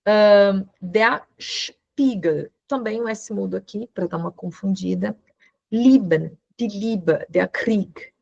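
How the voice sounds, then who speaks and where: A woman's voice: medium pitch, slow pace, creaky, warm tone, no room sound, muffled recording. A woman teaching an online lesson, explaining patiently and checking in with short questions. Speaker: law teacher giving a German course.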